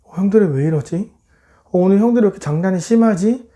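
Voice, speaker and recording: A man voicing a young boy, Joseph, in a children's Bible story, with high pleading calls. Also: fast, dark tone, close to an everyday voice. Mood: frightened. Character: young boy Joseph, eager then frightened.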